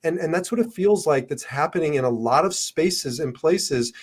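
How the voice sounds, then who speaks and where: A man's voice: fairly high pitch, lively intonation, normal speed. Opinionated man co-hosting a podcast. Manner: opinionated, emphatic. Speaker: podcast co-host. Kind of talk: casual podcast discussion.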